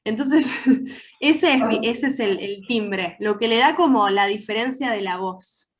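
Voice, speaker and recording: A woman's voice: a little high, measured pace. Congested Argentine woman teaching a workshop. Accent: Argentine Rioplatense Spanish. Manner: engaging, asks the audience many questions. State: congested, nasal from a cold. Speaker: soft-skills trainer.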